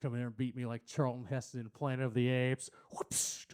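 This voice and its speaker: A man doing a stand-up comedy set on a small stage, crude and rambling, talking to the crowd and putting on loud silly voices for quotes. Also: mid-range voice, flat delivery, fast talker, clean tone.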